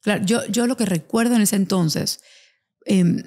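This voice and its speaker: A woman speaking a little slowly in a darkish, mid-range voice hosts a relaxed podcast chat. She tells her anecdotes with animation and acts out the voices of the people she quotes.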